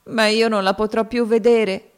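A woman's voice: fairly high pitch, unhurried, warm tone, voice pushed up, close to an everyday voice. A woman voicing a grief-stricken young girl who sobs and wails in desperate, wild lament. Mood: sobbing despair. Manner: desperate, wailing, sobbing.

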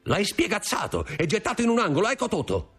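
A man voicing a raspy, weak and fearful drunkard in a raised pitch, as in an audiobook. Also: animated, measured pace, soft background music. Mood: shouting. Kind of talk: audiobook character voice.

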